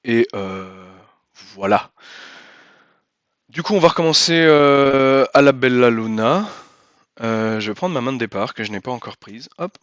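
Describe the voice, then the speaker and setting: Explaining rules and moves of a cooperative card game he's hosting and playing, a man thinks aloud and repeats points for emphasis. He speaks unhurriedly in a mid-range voice with lively intonation; there's no room sound, though the recording is muffled.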